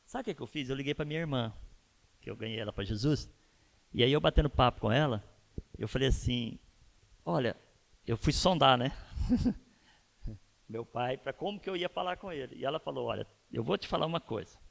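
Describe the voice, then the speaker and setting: Gravelly-voiced pastor in his fifties. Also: mid-range voice, lively intonation, normal speed, pauses often. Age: 50s. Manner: storytelling, asks the audience rhetorical questions. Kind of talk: conversational sermon. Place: church.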